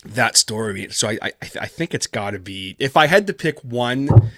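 Speaking at a normal speed with an animated, fairly bright mid-range voice, this man is a horror story writer based in Canada. The studio-quality recording has no echo. As a guest in a casual interview, he rambles and leans heavily on fillers such as "like" and "kinda".

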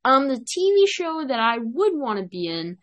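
A young woman hosts a casual podcast chat in a dry, mock-serious way, waving off her co-host's questions. Her voice sits a little high. She sounds dismissive and deadpan. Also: moderate pace. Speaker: podcast host. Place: remote call.

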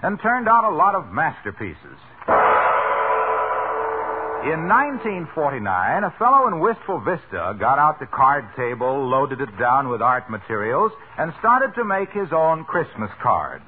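A man's voice: fairly high pitch, big pitch swings, a little slow, narrow, tinny audio. A man announcing in the style of a 1940s radio serial, with a polished, emphatic, scripted sales delivery. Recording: band-limited, noisy vintage radio broadcast.

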